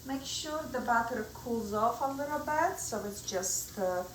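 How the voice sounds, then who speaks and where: In a rough, roomy recording with a little hiss or hum, the middle-aged Polish woman, speaking with a Polish accent, hosts her home cooking show and chattily explains each step as she cooks. Her fairly high voice is expressive and unhurried.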